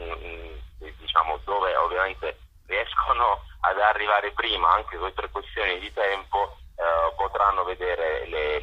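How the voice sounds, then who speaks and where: Speaking to a radio program by phone, a man organizing a photo exhibition stumbles through his answers with fillers and restarts. His voice is low and slightly rough, and the line sounds dull.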